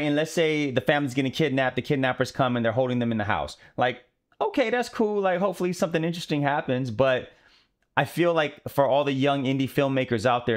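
Chatty, opinionated podcast host man. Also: mid-range voice. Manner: opinionated, chatty, frequent laughs. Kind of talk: casual conversation.

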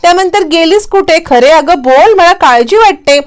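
Brief: anxious, pleading young husband, put on by a woman reader, pitched high and tense. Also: animated, normal speed. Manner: pleading, coaxing questions. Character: caring worried husband, young man.

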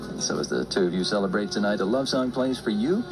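A man hosting a late-night dedication radio show, heard played back from an old cassette tape recording of the broadcast, with a smooth, soothing delivery. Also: on the low side, animated, fast talker, over music.

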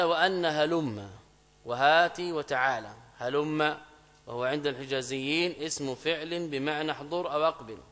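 A man teaching an Arabic grammar lesson in a mosque. He explains step by step, repeats key phrases, asks students checking questions, and reads quoted examples slowly and louder. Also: on the high side. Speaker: Islamic scholar teaching grammar. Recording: long mosque reverb.

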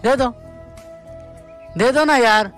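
A man's voice: very high voice, slow, fairly bright tone, soft background music. A man chatting and joking with a friend outdoors at a stadium site, laughing often. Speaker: vlogger's friend. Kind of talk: casual chat.

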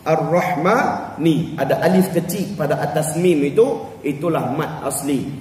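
A male religious teacher with a Malaysian Malay accent leads an evening recitation class, explaining rules and chanting verses slowly as examples. His voice sits a little high. It is picked up from across an echoing prayer hall with a faint room hum behind. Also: darkish tone. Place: cold air-conditioned prayer hall. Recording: distant, echoey hall with long reverb.

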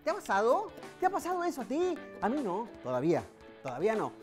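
A woman with a Mexican accent hosting a children's TV show in an animated, playful and teasing way. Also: a little high, fast talker, faint music behind. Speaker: children's TV host.

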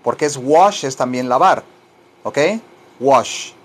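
Slow-drilling male English teacher. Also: mid-range voice, breathy edge. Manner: slow, drawn-out modeling of English phrases, repeating each word; playful teasing asides. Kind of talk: language lesson.

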